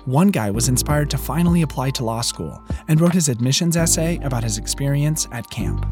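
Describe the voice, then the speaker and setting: Guy host reading narration, animated voice, music clearly under it. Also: medium pitch, fairly quick. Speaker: podcast host. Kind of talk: scripted narration.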